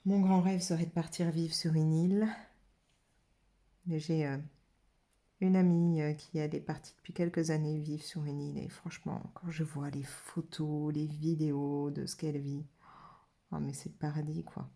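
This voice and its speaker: A French woman talks through a watercolour demo in a relaxed, chatty way. She thinks aloud and uses a lot of fillers. Her voice sits low and sounds mellow and soft. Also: moderate pace. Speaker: watercolour channel host. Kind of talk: casual art demo narration.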